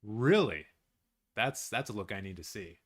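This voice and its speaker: A man from Canada hosting a live awards watch-along from his apartment, chatting casually and answering viewer comments with excitable, rambling asides. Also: on the low side, fairly quick. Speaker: live-stream host.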